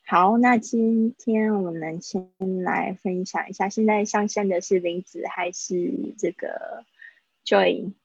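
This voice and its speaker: A woman teaching English words in a live online lesson. She explains slowly and repeats each word for pronunciation. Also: mid-range voice, steady tone, gravelly, darkish tone, breathy edge, dry recording. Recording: dull, dry livestream audio.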